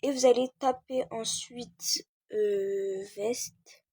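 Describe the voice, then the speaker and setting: A woman's voice: on the high side, steady tone, extremely slow, dark tone, slightly rough, dry recording, studio quality. A teenage girl giving a casual screen-recorded game tutorial, hesitating often with fillers while she searches.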